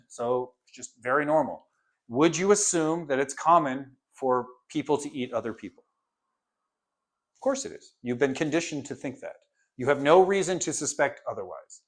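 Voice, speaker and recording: A man teaching a course in a casual, conversational lecture, firing off rhetorical questions and briefly acting out what his students or parents might say. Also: fairly high pitch. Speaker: course instructor.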